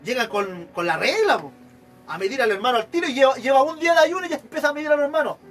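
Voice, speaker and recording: A man's voice: very high voice, fast talker. A man with a Chilean accent preaching an evangelical sermon, acting out examples of churchgoers as he goes. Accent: Chilean Spanish. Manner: animated, acts out examples of church members.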